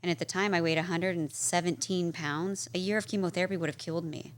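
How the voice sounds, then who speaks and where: A woman telling her story as a guest in a casual interview, chatty and full of "like" and "um", lively when she acts out what people said. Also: fairly low pitch, fast talker, slight background noise. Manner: chatty, peppered with "like" and "um"; animated, acts out quoted people. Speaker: podcast guest. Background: interviewer's short backchannels.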